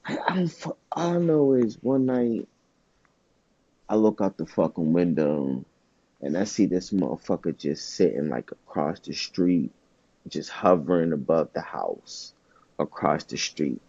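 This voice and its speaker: A man co-hosting a podcast in loose, profane casual chat, his stories jumping up in pitch when he gets excited. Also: measured pace, creaky, husky, dry recording, dull audio. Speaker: podcast co-host.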